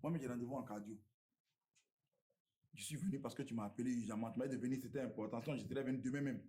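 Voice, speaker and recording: A man's voice: medium pitch, very fast, roomy sound, lightly acted. An actor playing a stern, authoritative older father-in-law with an Ivorian French accent who scolds firmly. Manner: firm, scolding, calm fatherly tone.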